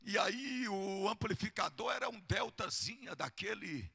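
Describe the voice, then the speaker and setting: An older man with a Brazilian Portuguese accent delivers a sermon in a thick, gravelly voice. His tone sits high and ringing, somewhat husky, and his words come slowly. Now and then he breaks into fervent shouting from the pulpit. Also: animated. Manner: fervent preaching that swells into shouting. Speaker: pastor.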